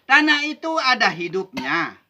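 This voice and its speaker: A man's voice: high-pitched, very animated, measured pace, bright, forceful tone. A man from Indonesia teaching Sufi mysticism in a rhythmic, emphatic way, often ending points with "begitu". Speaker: religious teacher.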